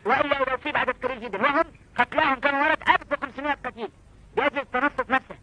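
Male preacher, very fast and bright-voiced, exhorting the crowd on a lo-fi old tape. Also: very high-pitched. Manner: exhorting, with rhetorical questions to the audience. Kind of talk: fervent preaching lecture.

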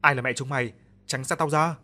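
Thiếu phụ bị ma ám, do nam giọng đọc, sợ hãi gắt gỏng, nhạc nền nhẹ. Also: male voice, medium pitch, fairly even intonation, a little fast, soft background music, close to an everyday voice. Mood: shouting. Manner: shouting, frightened and angry. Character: terrified young woman haunted by ghosts. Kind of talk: audio ghost story reading.

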